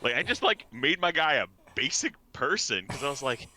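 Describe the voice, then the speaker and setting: A man's voice: mid-range voice, sing-song, moderate pace, pushed and bright. A tired man on a casual podcast, rambling laid-back with lots of fillers. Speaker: podcast co-host.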